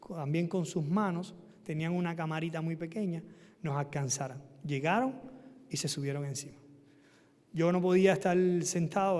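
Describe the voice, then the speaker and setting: Animated man telling his testimony. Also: fairly high pitch. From Cuba. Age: young adult. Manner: animated storytelling, shouting out quoted cries. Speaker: guest preacher. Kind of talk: testimony sermon. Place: church sanctuary. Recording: long church reverb.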